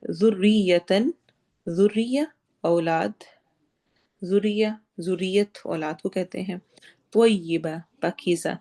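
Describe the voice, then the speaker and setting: A woman teaches Quran recitation in a calm, step-by-step way. Her voice is dark and mellow, and her pitch sits in the middle range. She slows right down and stretches each word when she demonstrates it. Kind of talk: recitation lesson with explanation.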